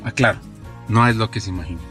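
A man hosting a podcast, reading scripted narration in a clear, measured way. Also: fairly low pitch, fairly bright tone, faint music behind. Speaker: podcast host.

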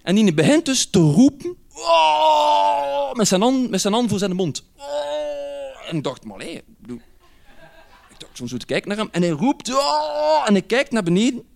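A man with a Flemish accent, telling a personal anecdote in an animated way and chuckling often as he goes. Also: sits high, quick pace, few pauses.

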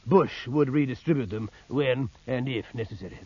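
An actor playing a naval officer who narrates his sea battle in a grave, measured, literary manner. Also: medium pitch, slight background noise, lightly acted. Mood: tense, measured. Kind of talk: dramatic scripted first-person narration. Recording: dull sound with music behind.

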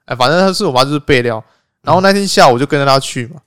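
Animated Taiwanese man, lively pitch. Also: very fast, clean tone, no echo, studio quality. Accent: Taiwanese Mandarin. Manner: animated, laughs often, swears casually. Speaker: podcast co-host. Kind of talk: casual chat, storytelling.

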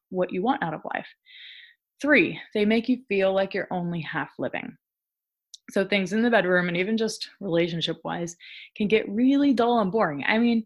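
A woman hosting a podcast, giving frank, chatty advice on relationships with casual swearing and rhetorical asides. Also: fairly low pitch. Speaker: podcast host, intimacy coach.

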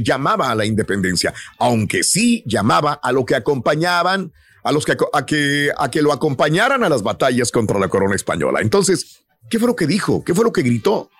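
Lively Mexican radio host. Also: male voice, a little high, no echo. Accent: Mexican Spanish. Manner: storytelling, playful, laughs often. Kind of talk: comedic morning radio banter.

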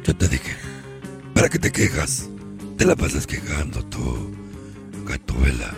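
A man voicing a gruff Batman from Sonora, grumbling at his wife in a radio comedy sketch. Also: rumbling low, very animated, a little slow, music in the background, heavily acted. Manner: gravelly, slangy, grumbling.

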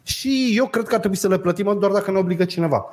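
A man's voice: high voice, darkish tone. A man talking casually and animatedly, ranting in slangy speech. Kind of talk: casual chat.

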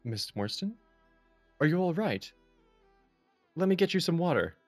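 A man's voice: fairly high pitch, big pitch swings, unhurried, no room sound, soft background music, heavily acted. Man acting Doctor Watson, gallant and earnest. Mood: concerned. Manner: earnest, gentlemanly. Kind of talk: period mystery audio drama acting.

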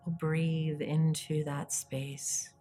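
Low, slow woman guiding a soft meditation. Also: flat delivery, faint music behind. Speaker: guided meditation podcast host.

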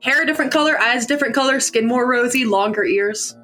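A woman's voice: on the high side, a little fast, bright, forceful tone, soft background music. A woman playing a tabletop role-playing game, giggly and casual, swearing now and then. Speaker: player. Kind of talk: tabletop role-play chat.

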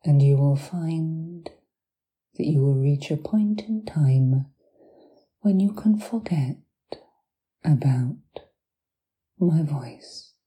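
A woman with a low, very dark and mellow voice leads a guided hypnosis meditation. She speaks extremely slowly in short, soothing phrases with long pauses, softly breathy and often sinking into a whisper. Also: expressive. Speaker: hypnotherapist guiding relaxation.

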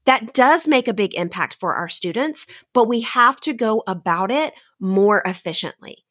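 A woman's voice: on the high side, lively intonation, moderate pace, a bit bright, no echo, studio quality. A woman hosting a motivational solo talk for teachers, speaking in an earnest, direct and encouraging way. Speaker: podcast host and teacher coach.

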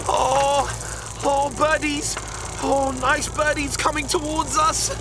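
A nervous, fretful adventurer played by a woman sighs and worries in a high voice. A loud music bed swells behind her throughout. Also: little pitch movement, slow pace. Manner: fretful, sighing "oh"s. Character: anxious young adventurer scared of heights.

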